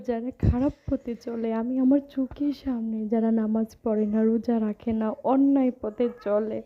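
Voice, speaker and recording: A woman speaks on a personal vlog in a fairly high voice that stays within a narrow range. She is crying as she talks, lamenting and pleading, circling back over the same phrases. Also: husky. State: tearful, crying. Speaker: vlogger addressing her followers. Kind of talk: emotional personal vlog monologue.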